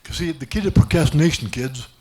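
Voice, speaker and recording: A man's voice: fairly high pitch, quick pace, darkish tone. A man doing stand-up, telling a rambling self-mocking story with many restarts. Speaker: stand-up comedian. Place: comedy club stage.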